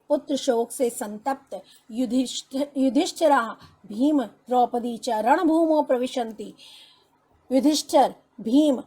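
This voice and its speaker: A woman's voice: high voice, a little mellow, husky. A woman teacher reading Sanskrit lines one by one and explaining each in Hindi to her students. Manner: reads a Sanskrit line, then explains it slowly in Hindi, addressing students as children. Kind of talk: line-by-line Sanskrit translation lesson.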